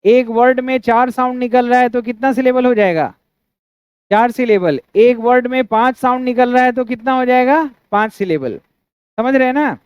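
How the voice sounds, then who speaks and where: A man's voice: very high-pitched, moderate pace, clear, resonant tone, no echo. A man with an Indian accent teaching an English grammar class, often asking students to confirm they follow and breaking words into syllables. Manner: asks students frequent checking questions. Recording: dry, dull lo-fi sound.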